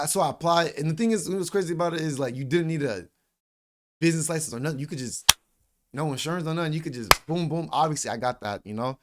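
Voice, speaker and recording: A man in his late twenties, a vlogger telling a story in a loose, slangy way with lots of fillers and some swearing. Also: a little high. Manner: animated retelling with voiced quotes. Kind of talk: casual storytelling.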